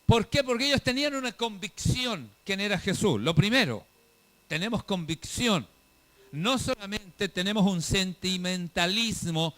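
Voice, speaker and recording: High-voiced man preaching with fervor. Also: a bit bright. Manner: fervent preaching, calls listeners "hermano", rhetorical questions. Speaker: pastor. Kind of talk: sermon. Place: church service, filmed for a web show.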